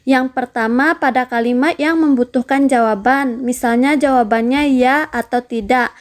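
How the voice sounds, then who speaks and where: A woman's voice: sits high, a little mellow. A woman narrating a primary school lesson, talking to the pupils in a friendly way and putting questions to them. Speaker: teacher.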